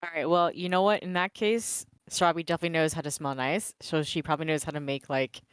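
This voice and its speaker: A woman playing in a tabletop role-playing game, playful and quick with restarts. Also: sits low, steady tone, clean tone, no echo, clean studio sound. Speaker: player. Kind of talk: casual tabletop play.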